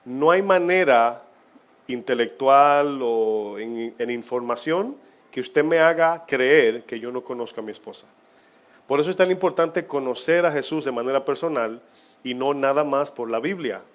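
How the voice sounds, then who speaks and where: A man preaching a sermon as pastor of his church, asking the congregation questions and moving between loud emphasis and quiet, drawn-out phrases. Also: mid-range voice.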